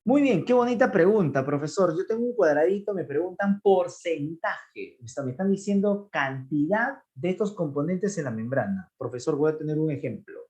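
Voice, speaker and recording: A man teaching biology, lively, asking questions and answering them himself. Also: a little high, normal speed, few pauses. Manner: animated, asks and answers his own questions, voicing students. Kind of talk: online class lecture.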